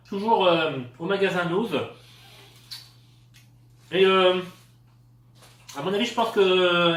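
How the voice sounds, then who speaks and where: Casual male reviewer from France, halting delivery full of fillers, somewhat high voice, echoey room, off-mic. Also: a bit bright, recorded from a distance. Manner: hesitant, many fillers. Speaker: product tester.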